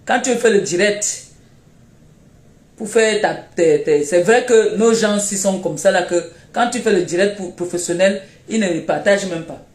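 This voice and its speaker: A woman's voice: mid-range voice, measured pace, darkish tone, roomy sound. A woman with a Cameroonian French accent, feeling unwell, scolding and mocking someone in repetitive jabs during a phone live stream. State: unwell, tired.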